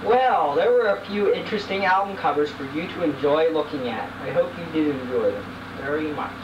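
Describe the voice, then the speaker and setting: A man's voice: fairly high pitch, fairly quick. A man narrating a home video, chatting about what the camera shows, recorded on an old VHS tape with a built-in camcorder mic outdoors by a car. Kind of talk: casual camcorder commentary. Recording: dull hissy 1980s VHS camcorder tape.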